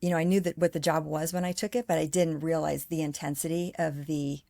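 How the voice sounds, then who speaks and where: A woman's voice: deep voice, flat delivery, fairly quick, creaky, dark tone, dry recording, studio quality. A woman speaking as a podcast guest, talking earnestly at length in casual conversation. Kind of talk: casual interview chat.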